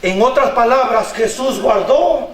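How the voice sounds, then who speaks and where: A man preaching a fervent sermon, shouting and calling on the congregation to respond. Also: extremely high pitch, a little slow, noisy background. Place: church sanctuary. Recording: echoey church hall, from far off.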